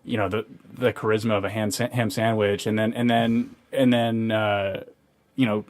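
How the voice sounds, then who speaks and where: A man's voice: on the low side, flat delivery, moderate pace. A young man co-hosting a casual podcast, ranting sardonically with many restarts and fillers. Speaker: podcast co-host.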